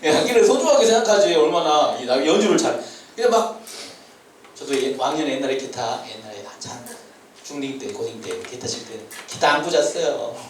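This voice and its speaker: A man giving a sermon to high school students, animated and joking, with shouted calls between his points. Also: a little fast, slight background noise. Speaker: youth pastor. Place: church hall. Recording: echoey church hall from far off, faint ambience.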